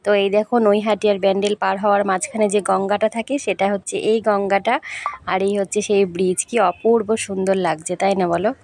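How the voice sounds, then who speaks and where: A young woman vlogger from West Bengal, India, narrates her travel vlog in a friendly way, talking straight to her viewers. Her mid-range voice is level in tone, fast, and a little mellow, and she has a sore throat.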